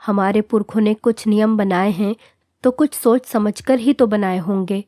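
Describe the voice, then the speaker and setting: A woman's voice: mid-range voice, fairly even intonation, moderate pace, warm tone, dry recording, studio quality, natural voice. A woman reading as a stern, scolding mother-in-law. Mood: indignant. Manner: scolding, commanding. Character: stern traditional middle-aged mother-in-law. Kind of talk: storybook narration.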